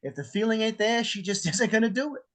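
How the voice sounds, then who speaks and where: A man's voice: high-pitched, sing-song, normal speed. A man playing a menacing, jealous armed husband in a script read, sarcastic, theatrical and profane. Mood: bitterly sarcastic. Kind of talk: table read of a film script. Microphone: video call.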